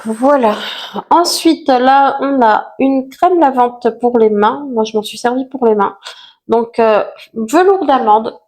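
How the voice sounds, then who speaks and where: Lady vlogging, rambly and jokey, a bit high-pitched. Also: takes it slowly, a little mellow. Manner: chatty and self-mocking, many fillers. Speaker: vlogger reviewing finished products. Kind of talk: casual chat to camera.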